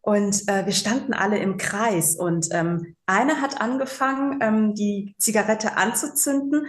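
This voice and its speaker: A woman's voice: medium pitch, a little slow. A woman in her forties, a psychological counselor, telling stories in a casual interview with lots of fillers. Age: 40s. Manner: chatty storyteller, many fillers, laughs easily. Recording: roomy echo.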